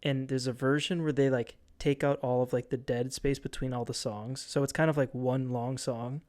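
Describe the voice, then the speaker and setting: A man's voice: medium pitch, flat delivery, normal speed, a little mellow. A young man co-hosting a podcast, telling stories in a rambling way, full of fillers and restarts. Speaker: podcast co-host. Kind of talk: casual chat.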